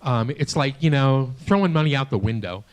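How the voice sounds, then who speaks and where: On a small theater stage before a live audience, a man in his late sixties does stand-up, his mid-range voice animated. His delivery is halting and self-deprecating, full of restarts, with audience laughter behind him.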